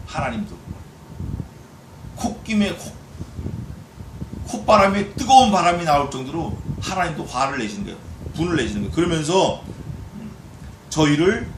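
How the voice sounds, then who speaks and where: Man, pastor, animated sermon, somewhat high voice, far from the mic, faint background noise. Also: vocal fry. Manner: animated preaching, acting out God's voice in dialogue. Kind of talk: expository sermon. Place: church sanctuary. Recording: echoey church hall, distant mic.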